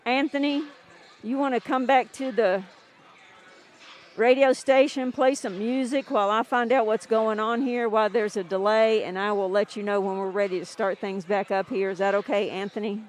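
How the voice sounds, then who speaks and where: A woman's voice: medium pitch, steady tone, normal speed. A woman radio sports announcer filling air time during a game delay, chatting and rattling off scores and player stats.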